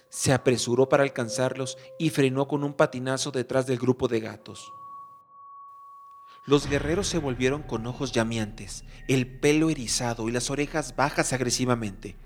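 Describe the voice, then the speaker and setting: A man reading an animal adventure novel aloud as narrator, in a measured, even manner. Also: mid-range voice, slight background noise. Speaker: audiobook narrator. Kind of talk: scripted storybook narration. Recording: background music bed.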